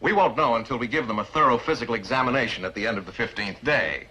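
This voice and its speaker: An actor playing a matter-of-fact research official in a 1960s American sitcom. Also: male voice, medium pitch, quick pace, sharp tone, husky. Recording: noisy old TV soundtrack.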